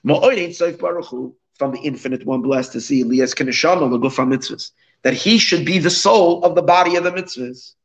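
A man's voice: mid-range voice, a little fast, gravelly, lo-fi sound. A man giving an explanatory religious lecture as a teacher, reading phrases and translating them, with emphatic repetition and rhetorical questions.

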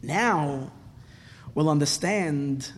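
High-voiced man teaching in an echoing hall. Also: extremely slow. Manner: emphatic, repeats phrases, asks and answers own questions. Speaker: rabbi teaching a Torah class. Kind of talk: religious lecture, teaching unscripted. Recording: reverberant hall.

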